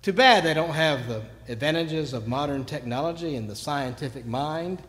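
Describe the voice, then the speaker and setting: A man preaching a sermon, telling stories and moving between quiet asides and sudden loud bursts. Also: a little high, animated, moderate pace. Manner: storytelling, swings from quiet to shouting. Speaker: pastor. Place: church sanctuary. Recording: long church reverb.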